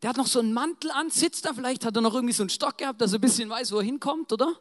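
A preacher telling a Bible story in a casual, slangy, animated way, often checking in with the congregation. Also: mid-range voice, very fast. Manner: slangy, animated, keeps asking "right?". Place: church in front of a congregation. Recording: long church reverb.

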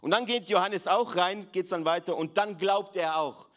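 A man with a high voice preaches a sermon at a moderate pace. He swings dramatically between near-whispers and fervent, raised appeals, repeating key phrases to give them weight.

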